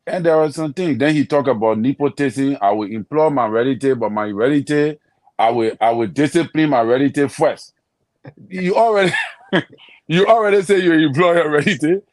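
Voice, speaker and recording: Man, mid-pitched panel analyst, frank and critical, dry sound. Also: moderate pace, a little mellow, dry recording. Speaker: political analyst. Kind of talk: panel discussion.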